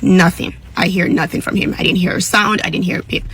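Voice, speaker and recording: A young woman giving an emotional, earnest personal testimony, with a husky voice. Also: fairly low pitch, fairly even intonation, quick pace, a bit bright, poor audio. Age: young adult. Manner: emotional, earnest, with sung passages. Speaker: storyteller.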